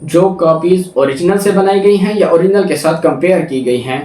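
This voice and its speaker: A man with a Pakistani accent and a high, slightly mellow voice, speaking at normal speed, lectures on law. He reads formal text aloud and restates it step by step, repeating and rephrasing points with examples, recorded in an echoey room on a distant microphone.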